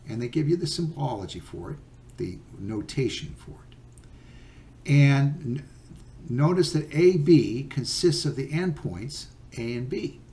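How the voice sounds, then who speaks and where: Male teacher, slow and lively in pitch, patient, fills pauses with "uh" and "okay". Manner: patient, unhurried, with many fillers and okays. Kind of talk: recorded geometry lesson.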